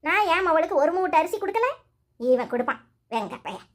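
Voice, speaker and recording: Voicing a sharp-tongued old mother-in-law for a cartoon, a woman nags in quick, sarcastic Tirunelveli Tamil. She pitches her voice extremely high, with big swings up and down.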